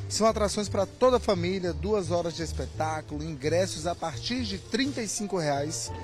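A Brazilian man in his thirties giving a showman-like promotional pitch in a live TV interview. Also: expressive, moderate pace. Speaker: circus spokesman. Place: large circus tent. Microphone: reporter's handheld microphone. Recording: music playing behind.

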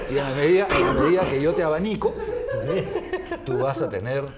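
A man's voice: fairly high pitch, heavy background noise. A man with a Peruvian accent, a talk show guest, telling a joke in a hesitant, modest way. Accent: Peruvian Spanish.

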